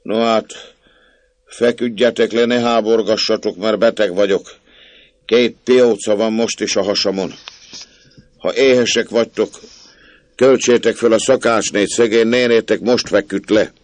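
A man reading a story aloud, voicing a cranky, ailing old country gentleman who scolds and thunders. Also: fairly low pitch, steady tone, no echo, pitched above the performer's own voice, natural voice. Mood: complaining. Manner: scolding, blustering, thundering outbursts.

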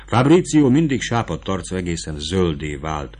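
A man reading a novel aloud as a narrator, in a steady, measured storytelling voice. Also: deep voice.

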